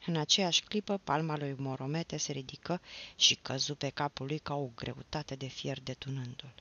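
A woman reading a novel aloud as an audiobook, in a measured storytelling manner. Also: a bass voice, steady tone, a bit bright, highs cut off. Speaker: audiobook reader.

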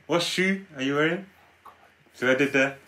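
A man's voice: on the high side, slow, pushed and bright. A man on a reaction show, telling puns to friends in casual chat, pushy and laughing at his own jokes.

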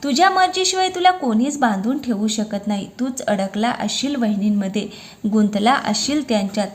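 A woman's voice: on the high side, animated, normal speed, natural voice. A woman voicing a boisterous young man scolding and joking with his old friend in a read-aloud story. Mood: bantering. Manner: scolding banter, loud and friendly.

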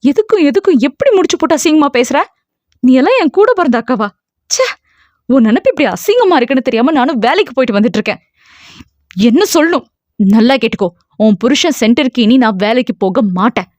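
A woman's voice: high-pitched, expressive, fast, darkish tone, no echo. A woman voicing an angry, hurt young woman who scolds fiercely. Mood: furious.

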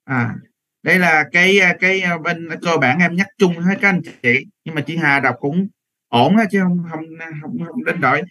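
A man's voice: a little high, normal speed, sharp tone, low-quality recording. A man teaching English pronunciation in a live online class, repeating words patiently and correcting learners over a computer microphone.

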